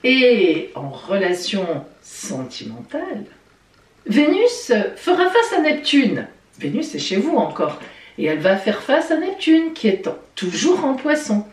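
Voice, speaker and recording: A woman's voice: a little high, wildly swooping pitch, a little slow, distant mic. A woman giving weekly horoscopes in a playful, chatty way, talking straight to her listeners. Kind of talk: casual horoscope reading. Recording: roomy sound from off-mic.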